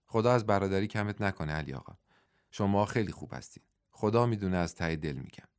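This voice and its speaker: A man's voice: deep voice, animated, clean tone. A man reading the part of a desperate young widowed woman servant, pleading and confessing in a storybook reading. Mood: grateful.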